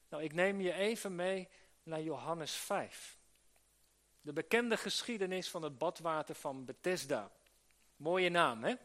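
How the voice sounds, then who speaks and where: A man's voice: sits high, bright, forceful tone. A man preaching a sermon to church workers, earnest, with many restarts and rhetorical questions to the listeners. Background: live audience he addresses.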